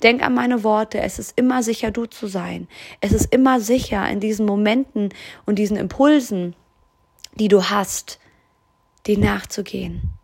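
Earnest German woman with gravelly voice. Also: mid-range voice, normal speed, a little mellow. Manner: earnest, encouraging, addresses the listener directly. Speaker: podcast host and coach. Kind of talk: motivational podcast monologue.

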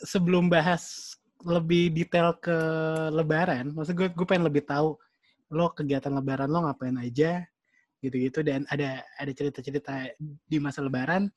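A woman's voice: low-pitched, fairly even intonation, moderate pace, darkish tone, dry recording. Young female host, Jakarta accent, informal slang, conversational questioning, very dry recording. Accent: Jakarta Indonesian. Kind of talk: casual interview chat.

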